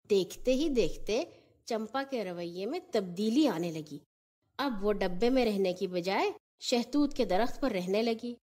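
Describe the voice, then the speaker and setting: Female storyteller for children's tales, fairly high voice, unhurried scripted narration. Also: a little mellow.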